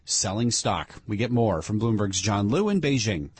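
A man's voice: fairly low pitch, lively intonation, moderate pace, breathy edge. A man reading scripted news as a radio anchor.

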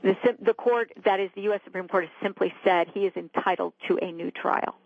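A woman, a legal expert, giving careful, measured interview answers over a narrow phone line. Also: mid-range voice, fairly even intonation, vocal fry, no echo. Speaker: law school clinic director. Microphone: telephone.

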